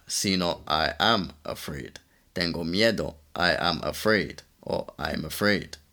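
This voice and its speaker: A man with a very low, deep voice teaches a language lesson at an unhurried pace. He drills example sentences patiently, one after another. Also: pushed and bright. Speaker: English teacher. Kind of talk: podcast-style language lesson.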